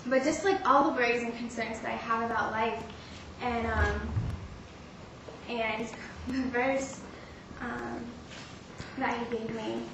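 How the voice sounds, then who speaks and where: Young woman, faith testimony, earnest and halting, slightly high voice, distant mic in a very echoey room. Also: fairly even intonation. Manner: earnest, halting with frequent fillers. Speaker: speaker sharing a testimony. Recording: roomy, distant mic with clear background noise.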